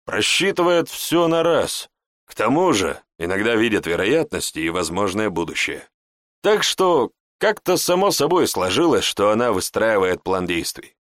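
A man's voice: fairly low pitch, very animated, normal speed, a bit bright, dry recording, studio quality. A man voicing a wry young male companion in an audiobook. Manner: wry, scoffing.

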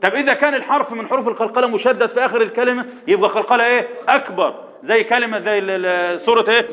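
A man with an Egyptian accent teaching Quran recitation rules to a class, firing quick repeated questions at students and chanting verses slowly. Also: very high voice. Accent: Egyptian Arabic. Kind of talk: classroom tajweed lesson. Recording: echoey hall, dull lo-fi sound.

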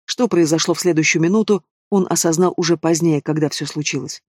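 A man narrates an audiobook in a fairly high voice, recorded dry and close with no room sound. He reads the dialogue without much change of character. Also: brisk, darkish tone, dry recording. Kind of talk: scripted narration.

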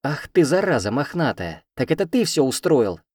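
A man voicing a fiery, quick-tempered young female student in an audiobook, snapping and threatening. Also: mid-range voice, big pitch swings, a little mellow, no echo, studio quality, pitched above the performer's own voice. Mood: shouting. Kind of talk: audiobook character voice.

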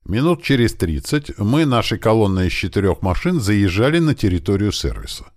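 A man reading a first-person audiobook in a plain, steady storytelling manner. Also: fairly low pitch, fairly quick, no echo, studio quality. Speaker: audiobook reader.

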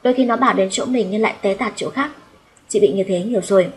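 A blunt, businesslike older sister who runs a guesthouse, read out by a woman narrator. She speaks plainly and a little louder than the surrounding audiobook narration. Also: mid-range voice, fast, natural voice.

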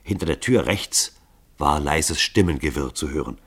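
A man narrating a radio play in a measured storytelling manner, recorded on a studio microphone. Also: a bass voice, expressive, fairly bright tone, slightly rough.

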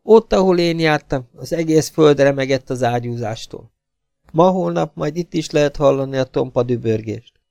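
A man reading an audiobook voices a middle-aged actress dependent on morphine, talking erratically and swinging between sharp outbursts and hushed murmurs. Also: fairly high pitch, gravelly, dry recording, studio quality, voice pushed up. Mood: feverish.

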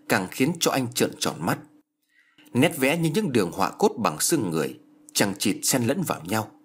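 A man's voice: lowish voice, slightly rough. A man narrating a horror story in a scripted, dramatic storytelling style.

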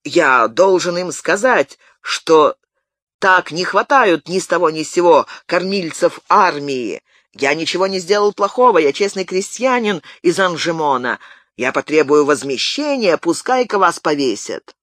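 A man reading an audiobook, voicing a blustering peasant who protests loudly and rattles off complaints. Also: a little high, expressive, unhurried, dry recording, clean studio sound. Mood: indignant. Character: loud indignant peasant man, quick to protest.

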